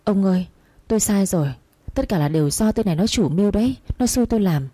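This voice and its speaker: A woman's voice: lowish voice, lively intonation, brisk, dark tone, breathy edge, dry recording. Woman doing a furious scheming second wife. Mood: pleading.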